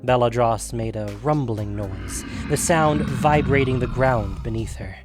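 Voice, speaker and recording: Soft music accompanies a man narrating a fantasy story. His voice is medium in pitch, and he reads the script in a measured, dramatic way.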